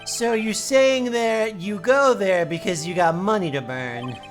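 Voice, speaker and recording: A woman's voice: mid-range voice, unhurried. A woman giving casual game commentary and reading dialogue aloud with dramatic delivery. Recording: music behind the voice. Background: game music.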